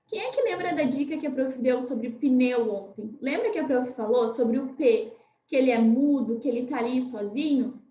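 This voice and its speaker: Brazilian lady teacher, high voice, slow and patient with little kids, lots of "né?", echoey room. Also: expressive, dark tone. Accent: Brazilian Portuguese. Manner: patient, spells words out slowly, often asks "né?". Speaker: primary school teacher. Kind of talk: recorded online class for children.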